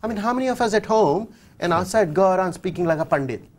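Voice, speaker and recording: A middle-aged human rights official with a Fiji Indian accent sits for a TV studio interview, his voice high, animated and quick. Wearing a lapel mic, he answers emphatically, articulately and in formal language.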